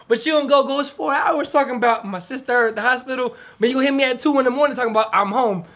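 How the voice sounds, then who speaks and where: A young man from Los Angeles hosting a casual podcast chat on an outdoor porch, telling stories with animated gestures and frequent laughs. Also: extremely high pitch, racing. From Los Angeles, California. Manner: animated storyteller, laughs often, gestures broadly. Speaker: podcast host. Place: outdoor porch, small patio.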